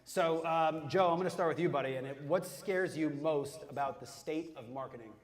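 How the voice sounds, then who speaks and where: A man's voice: fairly high pitch, moderate pace. A man hosting a live panel, with casual, rambling, joking banter. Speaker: panel moderator and podcast host. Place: live event stage.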